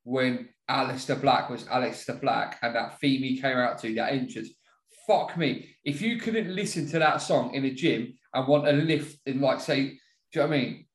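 A British man with a medium-pitched voice talks at a normal speed while co-hosting a wrestling podcast, chatting casually in an echoey room. He rambles and swears a lot, and he keeps checking that he's being understood.

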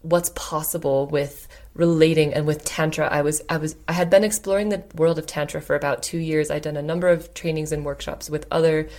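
A woman's voice: low-pitched, fairly even intonation, fairly quick, hardly any pauses, a little mellow. A woman hosting a podcast, talking reflectively and openly with lots of casual fillers. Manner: thoughtful, many "like" and "you know" fillers. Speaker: podcast host.

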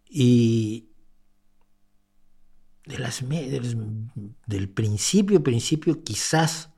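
Mexican man with a warm voice. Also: medium pitch. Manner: conversational, wry, many restarts and rhetorical asides. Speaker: host answering viewer questions. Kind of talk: casual talk show monologue.

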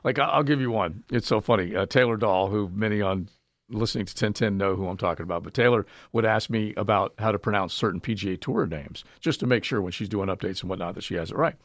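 A man's voice: lowish voice, no echo. A man hosting a sports radio show, telling stories and jokes in a casual chat. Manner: jokey, storytelling, quick bursts. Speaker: sports radio host and golf announcer.

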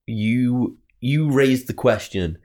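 A man's voice: medium pitch, slow, a little mellow. A man co-hosting a podcast in casual, bantering conversation. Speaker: podcast co-host.

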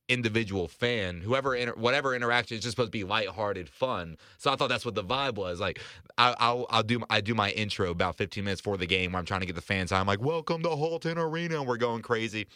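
A young man in his twenties tells a rambling story as a casual podcast guest, stumbling over restarts and laughing between lines. His voice sits a bit low but sounds bright and forward. The recording is close and dry. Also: dry recording. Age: 20s. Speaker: in-arena host and announcer.

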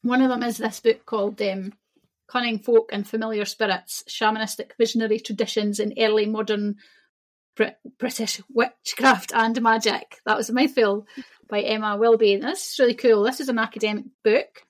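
A woman's voice: fairly high pitch, fairly even intonation, normal speed. A Scottish woman, a shamanism teacher, talking casually as a podcast guest, chatty and laughing easily. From Scotland. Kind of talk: casual interview chat.

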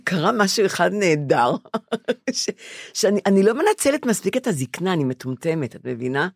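A woman's voice: lowish voice, big pitch swings, creaky, husky, dry recording, clean studio sound. An older woman chatting casually, telling her stories emphatically and often repeating herself. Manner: emphatic, repetitive storytelling. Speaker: podcast co-host. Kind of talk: casual chat.

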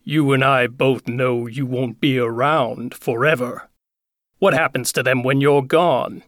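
A woman voicing a sly, menacing male fox in a storybook reading, talking slowly with a slick, sneering manner. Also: very deep voice, steady tone, no room sound, studio quality, voice pushed down.

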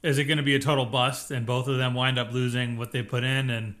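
A man's voice: medium pitch, flat delivery, fast talker, fairly bright tone. A man co-hosting a podcast, chatting casually and rambling through an episode recap with many self-corrections. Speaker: podcast co-host.

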